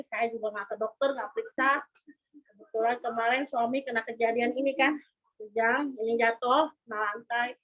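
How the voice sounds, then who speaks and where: A woman giving an earnest, halting personal testimony, repeating herself as she speaks. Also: fairly high pitch, fairly bright tone. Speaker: church member giving a testimony. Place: abroad, in China. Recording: lo-fi dull sound.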